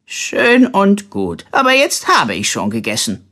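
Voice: mid-range voice, huge pitch swings, a little slow, pushed and bright, pitched above the performer's own voice, full character voice. A reader voicing a fussy, easily frightened old great-aunt with a squawky voice, prim and complaining. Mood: huffy.

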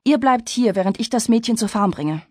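A woman's voice: a little high, animated, fairly quick, darkish tone, dry recording, clean studio sound. A woman doing a determined young farm wife.

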